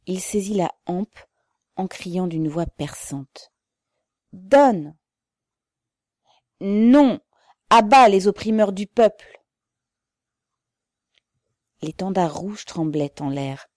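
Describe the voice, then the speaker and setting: A woman narrating a novel aloud in a measured, solemn reading. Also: low-pitched, dark tone, dry recording, studio quality. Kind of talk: audiobook narration.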